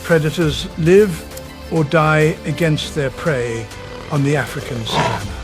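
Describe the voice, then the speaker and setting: A man narrating a nature documentary from a script in a dramatic, measured, portentous way. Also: fairly high pitch. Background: music.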